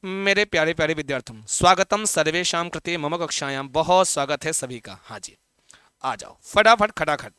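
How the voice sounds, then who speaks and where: Male teacher, chatty, repeats key points and quizzes the class; smooth, clear voice. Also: fairly high pitch, fairly quick, few pauses, a bit bright, no room sound, studio quality. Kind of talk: live online class.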